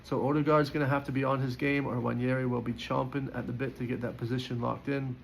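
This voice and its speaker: Man, casual football reaction, opinionated, rambling with fillers, mid pitch, faint background hiss. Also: level tone, fast talker, gravelly, rough recording. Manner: chatty, opinionated, lots of fillers and restarts. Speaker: football fan giving player ratings. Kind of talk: casual post-match reaction.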